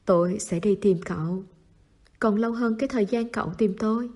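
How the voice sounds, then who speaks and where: A woman's voice: medium pitch, fairly quick, warm tone, close to an everyday voice. A woman reading the part of a stubborn teenage boy who talks in blunt, clipped lines and gets flustered when pressed. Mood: earnest. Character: stubborn teenage boy, gruff but tender.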